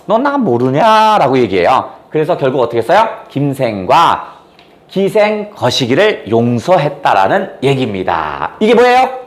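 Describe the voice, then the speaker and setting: A man's voice: mid-range voice, huge pitch swings, normal speed. A man teaching a classroom lesson, retelling a story in a playful, casual way, acting out the quotes and teasing his students. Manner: playful, acts out quotes, teases students with mild swearing.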